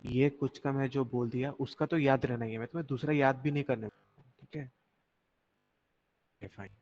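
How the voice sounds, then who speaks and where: A young man teaching chemistry in an online class, explaining slowly and repeating himself while he quizzes his students. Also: mid-range voice, steady tone, darkish tone. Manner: slow, repetitive explaining, mixing Hindi and English, asking students questions. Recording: dull lo-fi audio with faint noise.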